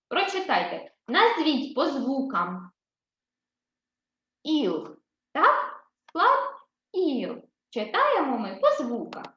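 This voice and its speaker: High-pitched ukrainian lady teaching little kids, slow and patient, echoey kinda muffled sound. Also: fairly bright tone. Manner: encouraging, often asks "так?" and praises the children. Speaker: first-grade teacher. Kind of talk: slow, patient classroom instruction. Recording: roomy, slightly dull recording.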